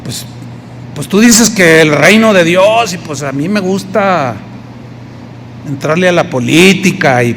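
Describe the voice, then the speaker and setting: A Mexican-accented pastor preaches in a loose, conversational way, slipping into the voices of the people he quotes. His voice sits high for a man. The sermon rings through a hall with a long echo over a faint hiss of background noise. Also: a bit bright.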